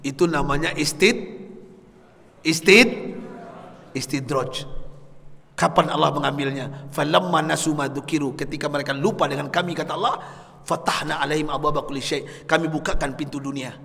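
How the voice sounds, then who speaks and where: A man preaching a sermon to a congregation, swinging from hushed tones to loud impassioned cries and calling out to his listeners. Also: on the high side, steady tone, moderate pace, gravelly. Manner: calls out to the congregation. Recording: long hall reverb.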